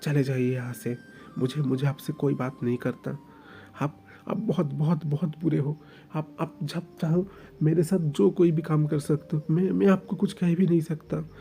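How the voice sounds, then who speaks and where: Casting: male narrator doing a tearful young man, stammering, pitched higher than his own voice, breaking into sobs. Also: steady tone, moderate pace, gravelly, warm tone. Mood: sobbing. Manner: stammering, tearful, repeats words. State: crying. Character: young man sobbing, hurt and pleading.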